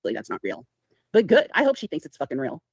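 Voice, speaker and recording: A woman's voice: sits low, wildly swooping pitch, fast, slightly rough, dry recording. A woman hosting a casual livestream chat, sarcastic and swearing freely as she talks. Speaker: livestream host.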